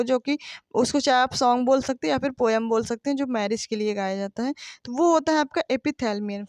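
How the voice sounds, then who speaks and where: A high-pitched woman leads an English literature exam-prep lesson, first reading questions and then explaining them. She refers to her listeners as friends and asks rhetorical questions that she answers herself. The recording is dry.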